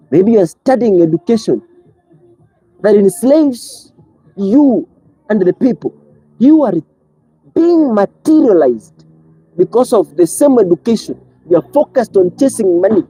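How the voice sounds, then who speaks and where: In this poor-quality recording, an online commentator preaches through a heated monologue built on rhetorical questions. The slightly rough voice alternates between shouting and quiet pleading, with no room sound around it.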